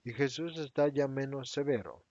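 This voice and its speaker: A man reading a religious text aloud as the narrator, in a measured, expressive way. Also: mid-range voice, no echo. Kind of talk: scripted narration. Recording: dry, slightly dull recording.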